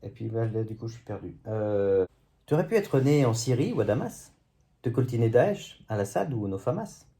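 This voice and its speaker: A man's voice: medium pitch, big pitch swings, moderate pace, warm tone. A man at home reading his own humorous poem, with self-mocking asides between the verses. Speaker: amateur poet reciting his own poem. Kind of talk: casual home video poetry reading. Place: at home, indoors.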